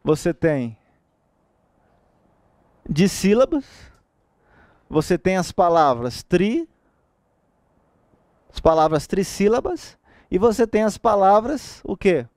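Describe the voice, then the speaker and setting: A man's voice: high-pitched, dry recording, studio quality. A man with a Brazilian Portuguese accent giving an exam-prep grammar lecture, asking rhetorical questions and checking in with the class often. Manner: lively, asks rhetorical questions, frequent checks like "tá?". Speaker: teacher.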